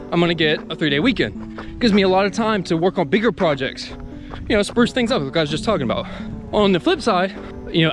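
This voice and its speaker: A man talking casually and unscripted to his viewers while jogging, exerting himself as he speaks. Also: high-pitched. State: exerting, working up a sweat. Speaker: video creator vlogging about the channel. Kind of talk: casual unscripted vlog monologue. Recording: music behind the voice.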